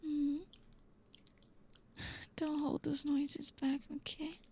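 A young woman whispering softly in an intimate ASMR roleplay, reassuring and coaxing, with frequent low hums. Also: monotone. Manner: soft unvoiced whispering, slow and soothing.

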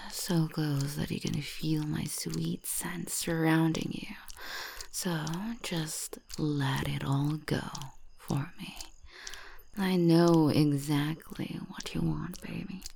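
A woman speaking in a soft, breathy whisper in a teasing, coaxing ASMR roleplay. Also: deep voice, steady tone, slow pace, a little hiss or hum.

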